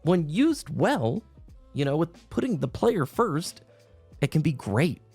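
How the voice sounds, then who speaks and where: Over background music, a man speaks slowly in a rather high, sing-song voice that is a little mellow with a breathy edge. As a video game commentator, he shares earnest, reflective opinions with his viewers, stressing his points.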